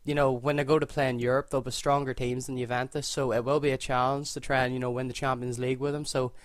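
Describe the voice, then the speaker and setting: This gaming creator, speaking in a Northern Irish accent, relaxedly narrates his choices in setting up a football game, self-correcting as he thinks aloud. His mid-range voice moves at a quick pace, in a dry, clean studio recording.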